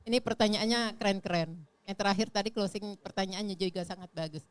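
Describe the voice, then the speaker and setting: A young woman giving a talk on child protection to an audience of mothers, lively and asking them questions. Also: medium pitch, brisk, smooth.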